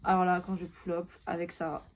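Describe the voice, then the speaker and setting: A woman's voice: on the low side, little pitch movement, normal speed, noisy background. A woman in her early twenties chatting casually to camera, tired and mixing English phrases into her talk. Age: early 20s. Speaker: vlogger.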